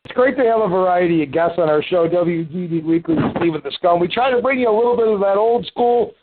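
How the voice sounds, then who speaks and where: A man hosting a wrestling podcast, chatting casually and pitching the show in an upbeat promo style. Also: quick pace, background noise. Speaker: podcast host. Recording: tinny phone-line audio.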